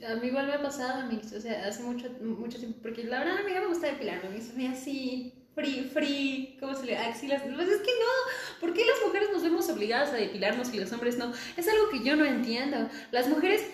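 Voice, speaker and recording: High-voiced Mexican woman in an echoey room. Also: a little fast. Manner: animated storyteller, laughs often, acts out quoted lines. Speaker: podcast co-host. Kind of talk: casual chat. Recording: very echoey room with faint noise.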